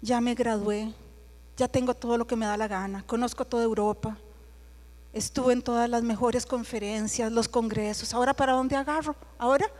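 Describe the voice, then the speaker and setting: A woman's voice: on the high side, steady tone, moderate pace, darkish tone. A middle-aged woman giving an emotional personal conversion testimony, acting out the voices in her story. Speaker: testimony speaker. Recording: long hall reverb.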